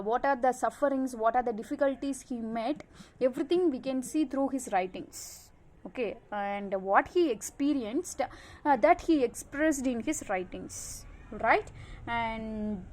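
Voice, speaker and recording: A woman's voice: on the high side, a little hiss or hum. A woman teacher giving a recorded class, repeating each point with many "okay" and "uh" fillers. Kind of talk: online class lecture.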